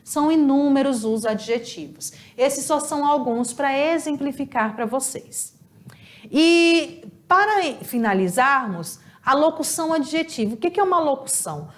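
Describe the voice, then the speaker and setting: A woman's voice: sits high, lively intonation. A woman teacher with a Brazilian Portuguese accent, giving a recorded Spanish lesson and carefully over-pronouncing each example word. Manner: slow, over-articulated model words in Spanish; explanatory, checks in with "tá bom?".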